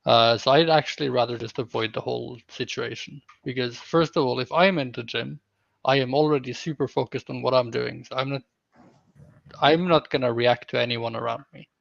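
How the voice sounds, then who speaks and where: A man with a creaky, gravelly voice of middling pitch gives his opinion as a casual co-host. The sound is dry and a little dull. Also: fairly even intonation, a little fast, a bit bright, no room sound. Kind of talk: casual chat.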